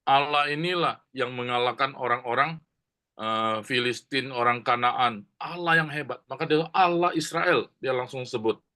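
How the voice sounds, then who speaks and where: Chatty preacher with a bright voice. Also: male voice, medium pitch, normal speed. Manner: conversational storytelling, many fillers and asides to the congregation. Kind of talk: sermon. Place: church.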